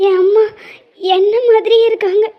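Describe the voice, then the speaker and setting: A tearful young cartoon wife. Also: female voice, very high voice, little pitch movement, moderate pace. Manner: emotional, pleading speech. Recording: slightly dull lo-fi audio.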